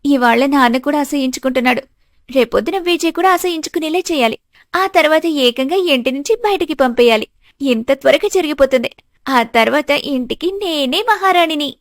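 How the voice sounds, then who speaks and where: A woman's voice: high voice, animated, a little fast, no room sound, studio quality. A woman voicing an arrogant, scheming young sister-in-law who mocks and gloats. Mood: gloating. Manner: mocking, gloating.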